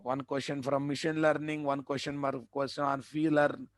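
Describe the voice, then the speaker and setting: In this live online class, a male web development instructor speaks Indian English with a Telugu accent, his mid-range voice showing little pitch movement at a normal speed with no echo. He lectures emphatically, repeats himself, and keeps asking rhetorical questions to check on students.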